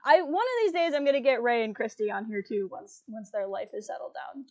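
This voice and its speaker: Brief: woman host, slightly high voice, casual and chatty, filler-heavy. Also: expressive, brisk, highs cut off. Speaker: livestream host. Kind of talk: casual chat.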